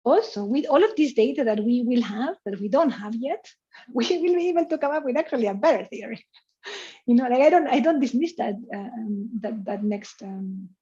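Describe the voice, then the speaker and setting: Her voice is fairly high and dark, with lively intonation and a slightly fast pace. She is a Chilean woman invited to lecture online, now fielding questions in a chatty way, laughing often and leaning heavily on "you know" and "like". The video-call recording sounds muffled.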